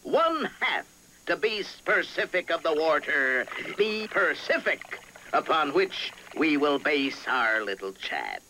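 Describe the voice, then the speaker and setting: An actor playing a gruff, jovial old duck sea captain, narrating grandly in salty sailor dialect for a cartoon. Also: male voice, a little high, big pitch swings, takes it slowly, heavily acted, low-quality recording. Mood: instructive. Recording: music behind, 1960s television soundtrack.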